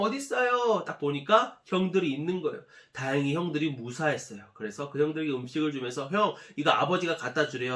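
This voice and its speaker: Animated male preacher telling a story. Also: on the high side. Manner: animated, asking the listeners questions. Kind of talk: storytelling sermon for young listeners.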